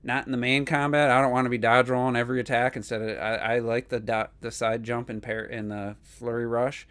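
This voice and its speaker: A man talking games on a casual podcast, his voice smooth and resonant at an ordinary middle pitch. He rambles, hedges with fillers, and pushes his opinions. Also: flat delivery, fairly quick, fairly bright tone. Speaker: podcast co-host. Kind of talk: casual gaming podcast chat.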